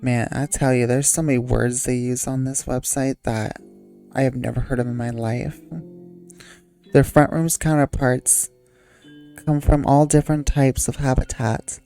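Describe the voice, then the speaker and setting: Very low, flat, sleepy woman reader. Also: faint music behind. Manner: halting, stumbles and restarts words. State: sleepy, yawning. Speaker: channel host reading wiki entries. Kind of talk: unscripted reading aloud.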